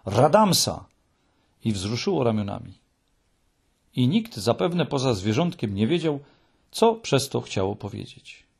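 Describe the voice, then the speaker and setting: A man reading a children's story aloud in an expressive, measured way. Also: medium pitch, vocal fry, husky. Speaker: audiobook narrator.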